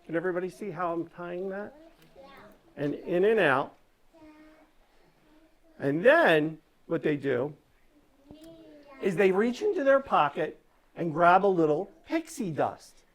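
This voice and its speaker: A woman with a lowish voice is very animated yet measured, pausing often. Performing magic live for children, she gives instructions one step at a time and coaxes the audience with frequent check-in questions.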